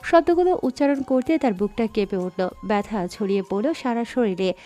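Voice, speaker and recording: A woman narrating a dramatic story in a scripted, expressive reading. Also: a little high, moderate pace. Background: faint background music.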